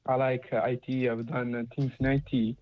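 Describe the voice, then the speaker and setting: A man's voice: mid-range voice, level tone, brisk, no room sound. A man calling in over an internet line that sounds like a speakerphone, asking his question hesitantly with many fillers. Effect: internet call that sounds like a speakerphone. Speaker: caller. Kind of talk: call-in question. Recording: dull lo-fi call audio, dry.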